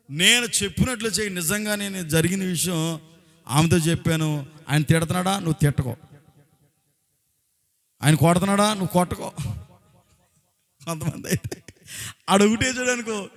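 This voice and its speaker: A man's voice: high-pitched, fairly bright tone. A man from Andhra Pradesh preaching as a pastor, exhorting the congregation with rhetorical questions in a colloquial way. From Andhra Pradesh, India. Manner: exhorting, often breaking into short acted quotes and raising his voice. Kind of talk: sermon.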